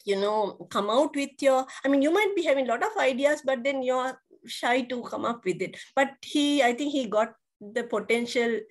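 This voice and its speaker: Speaking at a moderate pace in a high voice, a middle-aged woman from Sri Lanka joins a video-call interview as a guest educator. She hesitates a lot, restarting and filling gaps, from an indoor spot with a virtual background.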